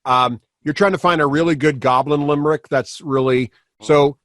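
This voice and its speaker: A man running a tabletop game as game master, relaxed and laughing easily as he gives rulings. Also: fairly high pitch, normal speed, dry recording, clean studio sound.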